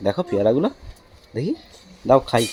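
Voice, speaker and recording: A man's voice: mid-range voice, animated, brisk, noisy background. A man, chatting to camera and family in a casual outdoor village vlog. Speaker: family vlogger.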